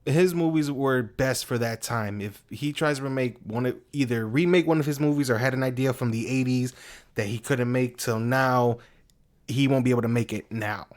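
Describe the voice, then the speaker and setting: A young man co-hosting a casual podcast chat, profane and rambling, who laughs often and gets excitable when retelling scenes. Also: mid-range voice, moderate pace. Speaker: podcast co-host.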